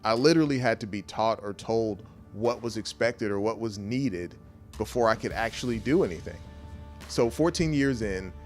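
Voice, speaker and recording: A man with an American accent and a fairly low voice talks casually, like a vlogger sharing his own story. His delivery is conversational and wry, with rhetorical asides to the viewer. Faint music plays behind him. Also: moderate pace. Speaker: YouTube vlogger and software engineer. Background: background music.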